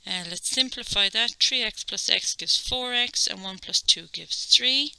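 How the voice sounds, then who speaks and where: A woman's voice: a little high, unhurried, gravelly, bright, forceful tone, smooth, no room sound, poor audio. A woman with an Irish accent teaching a maths lesson, explaining each step patiently and checking in with "okay?".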